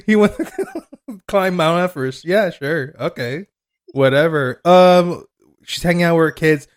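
A man's voice: fairly high pitch, slow, long pauses. A man hosting a casual podcast chat about a TV show, rambling, swearing and laughing as he recaps scenes. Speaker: podcast host.

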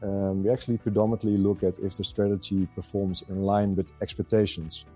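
Dutch man with a low, mellow voice. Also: little pitch movement, husky, soft background music. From Netherlands. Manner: measured, frequent hesitations with "uh". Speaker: podcast guest, fund selector. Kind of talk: conversational interview answers.

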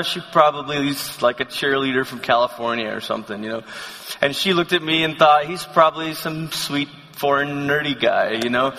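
Male conference speaker, thirties, from Malaysia; slightly high, chatty and self-deprecating; large reverberant hall. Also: sharp tone. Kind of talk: sermon, personal storytelling.

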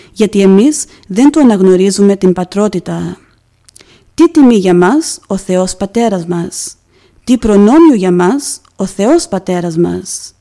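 A woman presenting a religious podcast, reading a devotional story and reflection in a measured, solemn way. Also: mid-range voice, warm tone. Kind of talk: scripted devotional narration.

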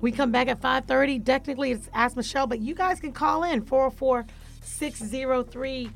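A woman's voice: high-pitched, a little fast, creaky, faint music behind. A woman in her early thirties hosting a radio talk show in the studio, asking long rambling questions with restarts. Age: early 30s.

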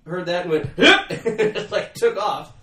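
A man's voice: high-pitched, measured pace, reverberant, distant mic. A young adult man hosting a podcast, telling stories about his youth in a self-mocking, laughing way. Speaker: podcast host. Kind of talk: casual storytelling chat.

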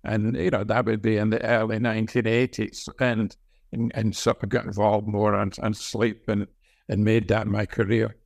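An older Scottish man, a senior medical professor and researcher, reminisces as an interview guest in a lowish, flat voice with vocal fry. His speech is halting, and he often repeats words as he talks. There is no echo on the recording.

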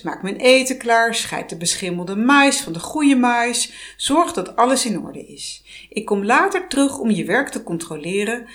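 A demanding old witch barks orders in a loud, shrill voice, as a woman reads her part. Her tone is sarcastic and domineering, and her pitch leaps around wildly. It sounds like a storybook read aloud.

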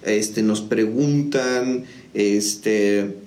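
Speaking very slowly in a lowish, darkish voice, a man who founded a music school recounts his story in a casual interview packed with fillers and false starts. Faint noise and echo fill the room.

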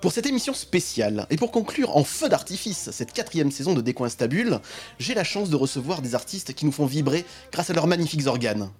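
A man's voice: fairly high pitch, big pitch swings, brisk, a little mellow, soft background music. Sick man with a honking, duck-like voice. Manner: theatrical, joking. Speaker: podcast host. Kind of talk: playful show presenting.

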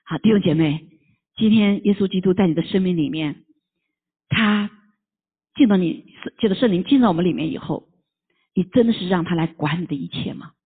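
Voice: mid-range voice, fairly quick, long pauses, husky. A preacher telling a parable in a sermon, acting out knocks and fights with sound effects and asking the listeners rhetorical questions again and again. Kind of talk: storytelling sermon. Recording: tinny phone-like recording.

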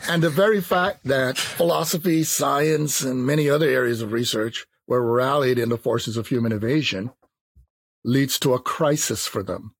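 A man in his fifties, from Jamaica, speaking as a philosopher in a thoughtful, measured interview. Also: medium pitch, dry recording. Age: 50s. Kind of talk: reflective interview talk.

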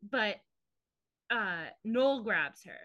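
A woman's voice: medium pitch, lively intonation, drawn-out words, pushed and bright, no echo. A woman co-hosting a podcast, casually retelling scenes with lots of fillers. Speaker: podcast co-host. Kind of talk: casual recap chat. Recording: dull lo-fi podcast audio.

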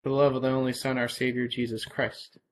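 A man officiating at evening prayer, reciting liturgy in a solemn, measured manner. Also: mid-range voice, level tone. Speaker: officiating minister. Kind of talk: Anglican evening prayer and informal homily. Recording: clear background noise.

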